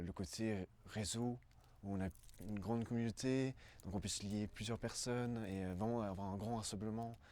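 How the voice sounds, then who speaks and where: In a fairly low, slightly dark voice, a twentysomething man from Brussels, Belgium, offers testimony in a relaxed interview. He falters often, searching for what to say.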